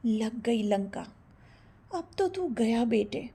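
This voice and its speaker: A playful young male college student who turns sheepish and stammering when caught out, voiced by a woman narrating an audio story. The voice sits fairly high with a dark, husky tone. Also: a little slow. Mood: flustered.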